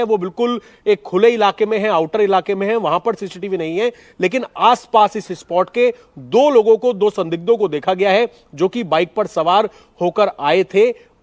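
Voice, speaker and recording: A man giving a live field report to the studio anchor, explaining a crime story fluently and at length. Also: high-pitched. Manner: explanatory, fluent, some repeated phrasing.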